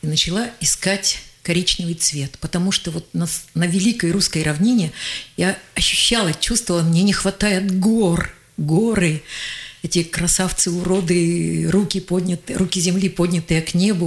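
An older woman who is both a journalist and a geologist appears as a guest on a radio interview, telling lively anecdotes and acting out the voices she quotes. Her voice sits on the lower side.

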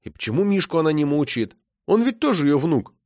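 A man narrating a children's story aloud with expressive delivery. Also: fairly high pitch, a little fast, no echo, clean studio sound. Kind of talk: audiobook reading of a children's story.

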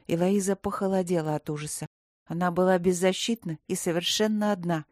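Low-voiced woman reading a story. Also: fairly even intonation, a little fast, darkish tone, no room sound, clean studio sound. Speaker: audiobook narrator. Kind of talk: scripted fantasy story narration.

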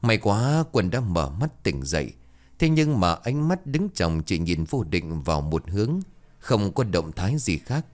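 A man telling a ghost story with expressive, dramatic pacing. His voice is low-pitched, and its melody rises and falls a lot. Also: a little slow.

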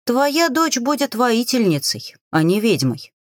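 A woman voicing a calm, wry young witch. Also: on the high side, unhurried, no echo, studio quality, pitched above the performer's own voice. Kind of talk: audiobook character voice.

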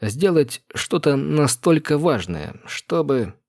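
A man's voice: medium pitch, normal speed, a little mellow, dry recording, studio quality, close to an everyday voice. A man voicing a cornered but defiant young man in an audiobook, wry and cautious.

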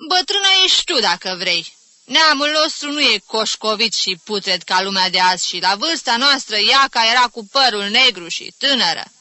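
A woman voicing a proud elderly aunt, haughty and quick to take offence. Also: fairly high pitch, lively intonation, pushed and bright, no room sound, pitched above the performer's own voice. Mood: indignant. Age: older. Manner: indignant, haughty. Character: proud touchy old aunt. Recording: dry close studio reading.

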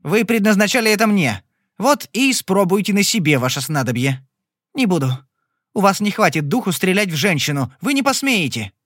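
A man voicing a spiteful young woman card sharp in an audiobook, in a shrill, indignant manner. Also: big pitch swings, normal speed, dry recording, studio quality, full character voice. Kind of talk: audiobook character voice.

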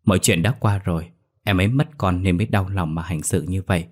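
A man's voice: deep voice, steady tone, fairly quick. A man voicing a respectful young son pleading politely with his mother in a ghost story reading. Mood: placating.

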